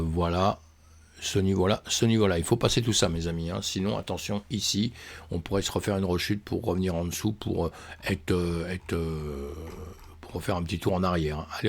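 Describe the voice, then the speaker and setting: This man's voice is low and creaky, cracking at times amid coughing. Hosting a crypto trading channel, he strolls through the charts casually, thinking aloud with many fillers, friendly asides, and sprinkled "hein" and "mes amis."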